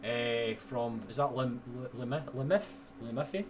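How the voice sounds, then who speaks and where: A man's voice: mid-range voice, normal speed, a little hiss or hum. A man in his twenties with a broad Scottish accent, hosting a livestream with casual, sweary, self-deprecating banter. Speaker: livestream host.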